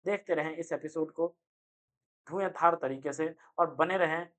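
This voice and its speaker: A young man giving an energetic online chemistry lecture, speaking loudly and constantly quizzing his students with quick rhetorical questions. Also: on the high side. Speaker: chemistry teacher. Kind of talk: online exam-prep lecture.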